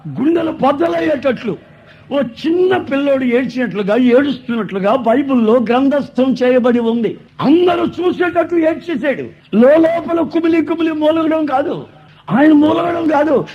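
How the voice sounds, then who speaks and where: A man preaching a sermon, telling stories and building to loud, emphatic declaiming. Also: very high-pitched, breathy edge, highs cut off.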